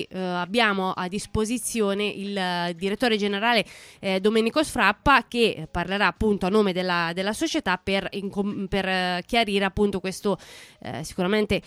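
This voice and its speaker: A woman hosting a live sports radio talk, speaking haltingly with stretched words and stress on key words. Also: medium pitch, fairly bright tone, smooth, no room sound. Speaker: radio show host.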